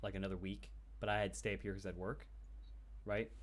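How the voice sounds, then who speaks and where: A young man with a somewhat low voice tells a rambling, casual anecdote to friends. His talk is loose and filled with "uh"s and swear words. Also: little pitch movement, fast. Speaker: podcast co-host telling a story. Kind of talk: casual storytelling chat.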